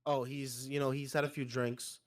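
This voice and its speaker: A man talking as a player at a tabletop game, his voice at an ordinary middle pitch. He explains himself hesitantly, pausing and restarting with lots of fillers. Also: flat delivery. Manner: hesitant, full of fillers and apologies. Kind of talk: casual tabletop game talk.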